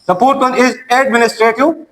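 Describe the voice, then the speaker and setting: A man's voice: very high-pitched, steady tone, a little fast, fairly bright tone, rough recording. A man, an Urdu speaker, teaching a classroom lecture and often repeating and restarting his words.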